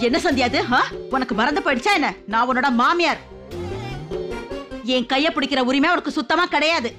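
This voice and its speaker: A woman's voice: high voice, brisk, lightly acted. A woman playing a bossy middle-aged mother-in-law. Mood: stern. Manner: scolding, bossy, melodramatic wailing. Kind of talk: TV serial acting. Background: background music score.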